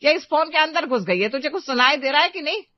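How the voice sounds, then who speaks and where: Lady doing a high shrill old mother-in-law in a cartoon, nagging and yelling, dry dull sound. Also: lively intonation, fast talker, no echo. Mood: scolding. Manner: shrill scolding, calling out. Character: nagging elderly mother-in-law, scolding and loud.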